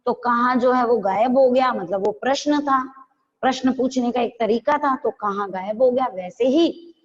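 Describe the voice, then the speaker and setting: A woman's voice: fairly high pitch, normal speed, long reverb tail, lo-fi sound. A woman teacher, giving an online class and patiently explaining step by step, asking questions back.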